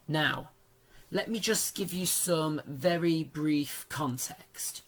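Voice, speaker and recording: A man with a hoarse, worn-out voice and a smoker's rasp, giving chatty, informal commentary on fantasy lore as a video host. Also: a little high, fairly bright tone. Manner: chatty, informal, playful asides.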